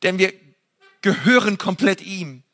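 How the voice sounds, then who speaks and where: Male preacher, high and bright, animated sermon delivery. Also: unhurried, soft background music. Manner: animated, rising in pitch for emphasis, with fillers.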